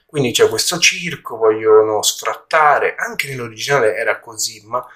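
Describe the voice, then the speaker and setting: A man giving a casual spoken film review, haltingly, often searching for words, in a slightly echoey room. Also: mid-range voice, pushed and bright. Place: indoor room at home during a move.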